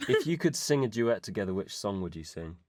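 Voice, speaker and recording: In a dry, studio-quality recording, a man with a voice on the low side and a darkish tone speaks briskly in a sing-song way. As a voice actor being interviewed, he chats casually and playfully, answering listeners' questions and telling stories a little hesitantly.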